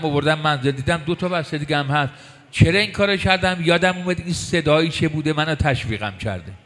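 A man preaching a sermon, emphatic, repeating key words and slowing down for weight. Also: fairly high pitch, fairly bright tone.

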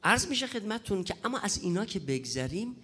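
A man preaching a religious lecture on prayer, hoarse from a cold, emphatic and repeating his key points. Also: high-pitched, very animated, sharp tone.

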